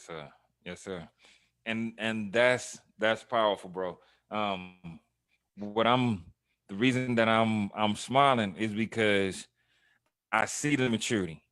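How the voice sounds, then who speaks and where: A man in his thirties hosting an interview, talking in an affirming, brotherly, halting way. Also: fairly low pitch, a bit bright, no room sound. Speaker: host. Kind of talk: casual interview talk.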